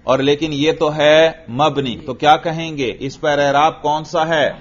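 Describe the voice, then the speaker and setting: A man's voice: on the high side, fairly even intonation. Pakistani man drilling a class. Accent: Pakistani Urdu. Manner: drills the class with quick questions and repeats their answers. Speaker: religious teacher. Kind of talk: classroom grammar lecture. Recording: dull lo-fi classroom recording.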